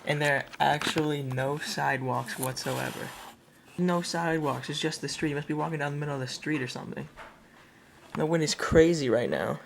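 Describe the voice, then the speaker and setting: A man's voice: on the high side, fairly quick, creaky, roomy sound, slight background noise. A young man chatting to camera from inside his home, upbeat and amused. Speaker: vlogger host. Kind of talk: casual chat to camera. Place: indoors at home by a window. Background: background music.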